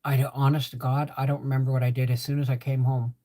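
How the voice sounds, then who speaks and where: A woman's voice: a bass voice, level tone, quick pace, warm tone. An older woman hosts a casual livestream chat with a swollen, sore mouth from dental work. She rambles along conversationally and repeats phrases for emphasis, her words slightly muffled by the swelling. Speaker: livestream host.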